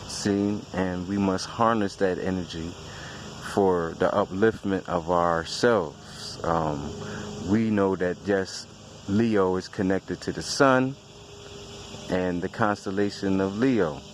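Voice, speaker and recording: A man giving an informal spiritual talk in the manner of Rastafari reasoning, preaching in measured phrases as a spiritual speaker. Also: sits low, a little hiss or hum.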